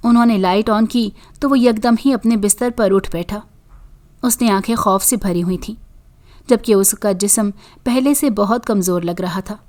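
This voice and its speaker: A woman narrating a horror story in a measured, scripted reading. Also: mid-range voice, darkish tone.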